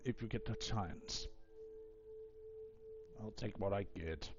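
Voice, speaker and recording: A man's voice: lowish voice, slow pace, faint music behind. A man voicing a proud, weary male deity who speaks formally as he blesses and scolds his followers. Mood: gracious. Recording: dull lo-fi mic.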